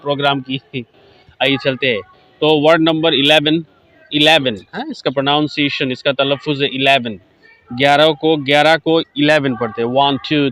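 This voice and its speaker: A man teaching spoken English, talking slowly with many hesitations and repeating each example sentence for learners to copy. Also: fairly high pitch, fairly bright tone. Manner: frequent hesitation fillers. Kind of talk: casual spoken-language lesson. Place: quiet corner at an event, program sounds behind. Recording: dull lo-fi dry sound.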